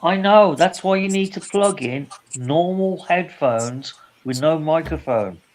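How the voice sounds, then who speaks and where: A man's voice: on the high side, unhurried, rough recording. A man with a British accent chatting casually, with a blunt, insistent way of talking. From Britain. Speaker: guest on a live open-topic stream. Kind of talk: casual chat.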